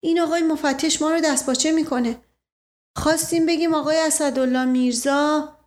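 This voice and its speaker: A woman's voice: sits high, fairly even intonation, pitched above the performer's own voice, close to an everyday voice. A woman doing a flustered, rambling old servant. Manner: rambling, hedging with stock phrases.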